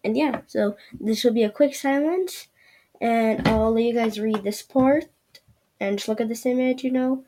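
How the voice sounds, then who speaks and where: Speaking at an ordinary pace in a higher, dark-toned voice, a woman hosting her podcast loosely rambles through a screen-share review, peppered with fillers and trailing "yeah"s.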